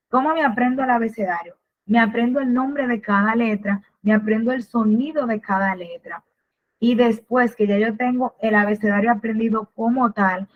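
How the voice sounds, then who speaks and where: A woman presenting a literacy workshop in a webinar lecture, patiently explaining and asking and answering her own questions. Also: on the high side. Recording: tinny phone-like webinar audio.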